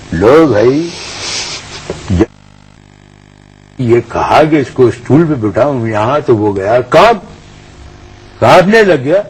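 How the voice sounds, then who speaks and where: A swaggering, middle-aged customs officer spins a mocking anecdote. His voice sits a touch high and slightly husky, swinging widely up and down as he acts out both sides of the squabble. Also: poor audio. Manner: animated storytelling, acting out both sides of quarrels. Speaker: customs officer character on a talk show. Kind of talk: comic anecdote told in character.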